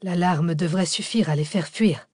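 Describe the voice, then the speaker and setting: A composed man speaks steadily to calm others down, as a woman reads him aloud. The delivery is low-pitched and recorded dry and close. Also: normal speed, slightly rough, no room sound. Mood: reassuring. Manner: steady, reassuring.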